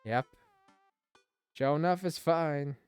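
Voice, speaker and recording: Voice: mid-range voice, takes it slowly, a little mellow, clear, resonant tone, soft background music, close to an everyday voice. A streamer voicing a sarcastic teenage daughter, reading game dialogue aloud with terse, eye-rolling retorts. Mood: deadpan.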